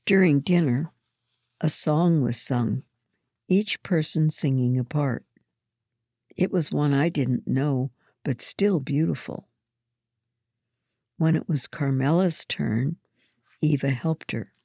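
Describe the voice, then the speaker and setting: Woman, unhurried storybook narration, gentle, measured, fry in the voice. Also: sits low, no echo, studio quality. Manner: gentle, measured first-person reading. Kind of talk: storybook reading.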